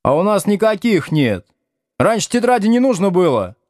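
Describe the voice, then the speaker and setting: A man voicing a rowdy class of teenage schoolkids who shout and jeer from the back rows. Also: sits high, sing-song, a little slow, no room sound, studio quality, voice pushed up. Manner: jeering, shouting.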